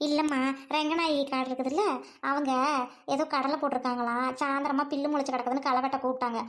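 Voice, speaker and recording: A woman playing a caring village mother who softly coaxes her child to eat, rest and study. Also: high voice, little pitch movement, fast, pitched below the performer's own voice. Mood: coaxing. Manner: soft, coaxing, rural Tamil speech.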